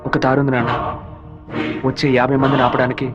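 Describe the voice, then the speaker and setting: A man's voice: medium pitch, completely flat delivery, fast, muffled recording, music in the background, lightly acted. A man dubbing a determined young son in an action film, speaking earnestly and steadily. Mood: resolute. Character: determined young village son, calm and resolute. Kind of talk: dubbed film dialogue.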